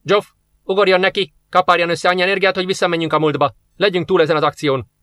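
A man voicing a gruff, impatient male Russian officer who barks orders and mocks. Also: fairly high pitch, bright, forceful tone, dry recording, voice pushed up. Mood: angry. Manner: barking, impatient, sarcastic.

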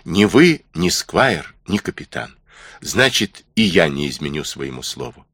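An honest young cabin boy speaks earnestly and resolutely, read by a man with a low, husky voice. The sound is close and dry, with lively pitch. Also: a little slow, dry recording, full character voice.

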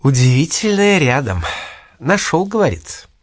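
A man reading aloud and voicing a sly, stubborn young woman, raising his pitch in a coaxing, teasing manner. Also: sing-song, unhurried, no room sound, studio quality.

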